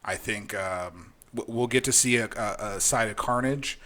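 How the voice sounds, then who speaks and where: A man's voice: on the low side, normal speed, sharp tone. A man co-hosting a podcast, giving frank, opinionated takes in casual chat with lots of restarts. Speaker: podcast co-host.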